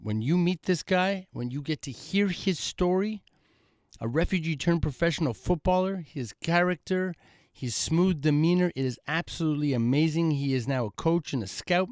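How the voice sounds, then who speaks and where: A man hosting a football interview show in a studio, excitable and rambling as he introduces and questions his guest. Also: normal speed, no room sound. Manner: excitable, rambling introductions with big pitch swings. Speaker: podcast host. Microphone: studio microphone.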